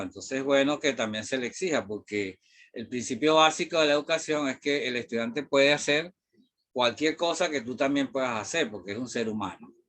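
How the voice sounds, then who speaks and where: A middle-aged Venezuelan man speaks as a math teacher in a casual, digressive classroom talk. His pitch sits in an ordinary middle range, and he loops through fillers and mild curses as he goes. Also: a bit bright. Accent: Venezuelan Spanish. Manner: rambling, digressive, with frequent fillers and mild swearing.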